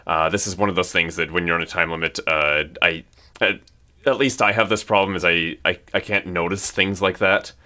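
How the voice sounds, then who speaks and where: A man's voice: sits low, steady tone, a little fast, pushed and bright. A man giving casual commentary on his own music project, rambling with many restarts and hesitations. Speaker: music creator.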